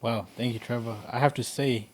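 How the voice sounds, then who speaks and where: A man's voice: mid-range voice, steady tone, fairly quick, breathy edge. A man in his twenties, from Kenya, telling his personal story as a podcast guest in an earnest, rambling way with lots of fillers.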